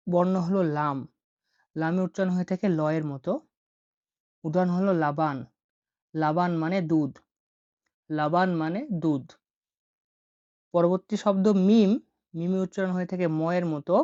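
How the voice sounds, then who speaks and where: A woman teaching vocabulary at a very slow, deliberate pace, saying each word and its meaning again and again. Her voice sits a little low, and the sound is dry and slightly dull, as if recorded close on a modest mic. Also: darkish tone, no room sound. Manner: repeats each word and meaning several times. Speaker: Arabic language teacher. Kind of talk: slow repetitive vocabulary lesson.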